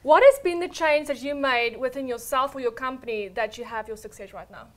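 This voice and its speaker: High-voiced South African woman interviewer. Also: fairly quick. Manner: encouraging, agreeable, many short affirmations. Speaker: interviewer, host. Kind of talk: interview questions and backchannel.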